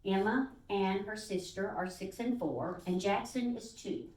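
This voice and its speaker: A woman's voice: medium pitch, measured pace. An older woman from Texas, a guest speaker giving a sermon, telling stories with fillers and acting out the voices of the people in them. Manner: animated storyteller who acts out voices, with fillers. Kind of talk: storytelling sermon. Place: church sanctuary. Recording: roomy sound from a distance.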